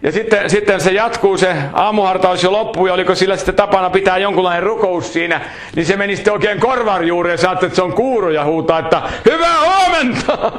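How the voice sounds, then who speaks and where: A man's voice: sits high, roomy sound. A man preaching a sermon, telling folksy anecdotes with humor.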